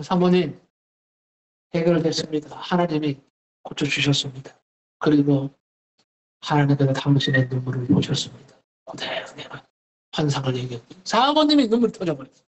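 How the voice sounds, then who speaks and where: A male pastor preaching a Wednesday service sermon, telling a story with lively acted-out dialogue. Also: sits high. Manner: animated storytelling, acts out dialogue. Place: church sanctuary.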